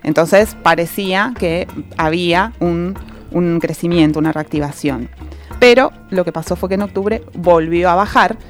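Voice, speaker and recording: A woman, co-hosting a radio show and reading economic commentary in a measured voice that stresses key numbers. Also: fairly low pitch, soft background music.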